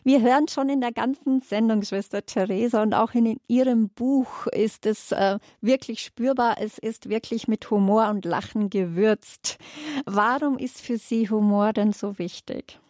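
A woman's voice: fairly high pitch, unhurried, darkish tone, dry recording, clean studio sound. A woman radio host asking a guest questions in an attentive way. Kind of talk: radio interview.

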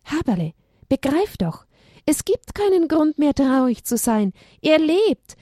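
A woman's voice: high-pitched, sing-song, unhurried, dark tone, no echo, clean studio sound, voice pushed up. A woman voicing a caring female animal in a children's story, coaxing and eager.

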